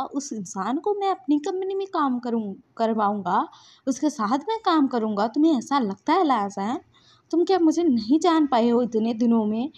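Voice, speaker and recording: A woman's voice: high voice, pitched above the performer's own voice. Woman doing a furious, possessive young man. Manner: shouting angrily, scolding. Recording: dull lo-fi sound.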